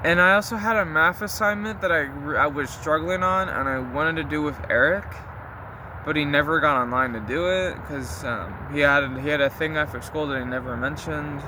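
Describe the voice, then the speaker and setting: A young man with a slightly high voice talks as if to his diary, casual and confessional. He rambles in loose slang with the odd mild swear. Clear ambient noise, like traffic outside, sits behind him. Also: moderate pace. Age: young adult. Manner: rambling, slangy, mildly profane. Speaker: vlogger recording a spoken diary. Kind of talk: casual confessional chat to listeners.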